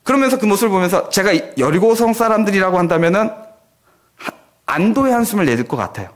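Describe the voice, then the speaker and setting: A man preaches in church, telling his story with energy and acting out the voices of the people he describes. His voice sits a little high and swings widely in pitch as he talks. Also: lively intonation, fast. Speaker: pastor. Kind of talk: sermon.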